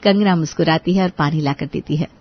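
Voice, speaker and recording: A woman giving scripted storybook narration for a cartoon, telling the story smoothly and evenly. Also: low-pitched, brisk, lo-fi sound.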